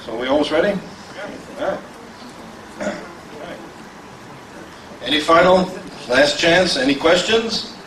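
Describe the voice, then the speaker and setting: A man's voice: fairly high pitch, animated, a bit bright. Joking auctioneer man in an echoey hall. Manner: joking, self-deprecating banter with the crowd; rapid bid calling. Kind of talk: live auction calling. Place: large convention hall with a crowd. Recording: echoey hall, voice from far off, faint noise.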